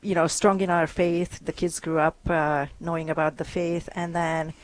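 A woman from Hungary, a guest on a radio show, telling her story earnestly with many pauses and ums. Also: low voice, flat delivery, no room sound. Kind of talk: interview conversation.

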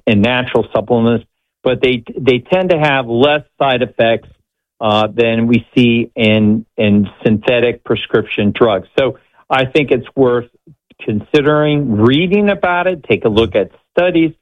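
A man speaking as a medical expert guest on a radio show, explaining conversationally in a halting, measured way. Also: mid-range voice. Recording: slightly dull, band-limited audio.

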